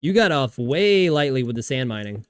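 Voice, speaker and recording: A man's voice: mid-range voice, big pitch swings, moderate pace, clear, resonant tone. Rambling, cursing male streamer. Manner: rambling, swearing, frequent restarts and laughter. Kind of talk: casual livestream chat while gaming.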